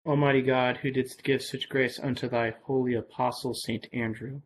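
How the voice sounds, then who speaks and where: A man officiating at evening prayer, reciting liturgy in a solemn, measured manner. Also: medium pitch, level tone, rough recording. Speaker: officiating minister. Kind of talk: Anglican evening prayer and informal homily. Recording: clear background noise.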